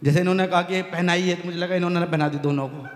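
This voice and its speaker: A man with a north Indian Hindi accent performing stand-up comic poetry on stage, punchy and building to loud punchlines. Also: sits high, fairly even intonation, rapid-fire. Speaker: comic poet. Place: large hall stage at a poets' gathering. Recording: echoey hall with long reverb.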